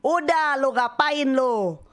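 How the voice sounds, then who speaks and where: A woman voicing a mocking devil who jeers in rough slang. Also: sits high, slow. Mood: taunting.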